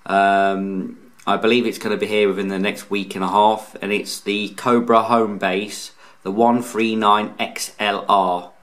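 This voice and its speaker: A channel host who reviews radios as a hobbyist works through a product hands-on, casual and informal, explaining with some hesitation. His voice is on the low side, flat, unhurried and fairly bright. He's indoors, off camera beside a tabletop radio.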